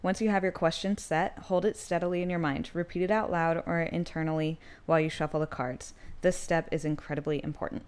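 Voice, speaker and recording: A woman's voice: low voice, fairly even intonation, brisk, few pauses, a little mellow, smooth. A young woman co-hosting a podcast, reading tarot guide instructions aloud with chatty asides and easy laughs. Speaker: podcast co-host.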